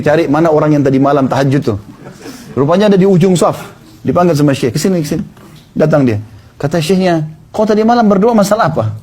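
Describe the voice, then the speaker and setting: A man's voice: on the high side, breathy edge. A male preacher, telling stories in a sermon and acting out the dialogue of the people in them. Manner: retells stories with quoted dialogue, fast and animated. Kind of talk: storytelling sermon.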